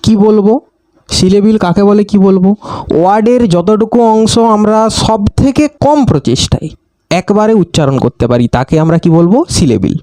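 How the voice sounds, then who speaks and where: High-voiced teacher. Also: male voice, lively intonation, dark tone, no room sound. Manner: asks questions and answers them himself, repeats definitions slowly. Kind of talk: grammar lesson.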